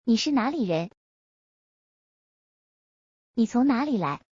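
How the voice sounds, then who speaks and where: Breathy, high woman translating, muffled. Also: big pitch swings, slow pace, darkish tone, dry recording. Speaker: translator in a language lesson. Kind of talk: quick lesson narration.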